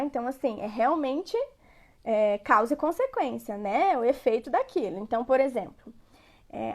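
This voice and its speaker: High-voiced woman giving a parenting talk. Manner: conversational and repetitive, often checking in with the audience. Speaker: parenting educator. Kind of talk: lecture to parents.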